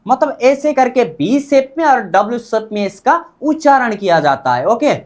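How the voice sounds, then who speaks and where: A man's voice: very high voice, very animated, normal speed, a little mellow. A man teaching a Korean lesson, drilling words by repetition and asking and answering his own questions. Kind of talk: classroom lesson.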